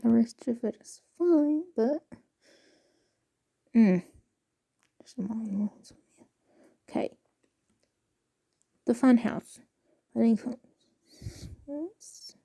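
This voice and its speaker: A woman casually reading passages aloud with a halting, stumbling delivery and soft asides. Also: fairly high pitch, vocal fry, husky. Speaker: video creator reading excerpts aloud.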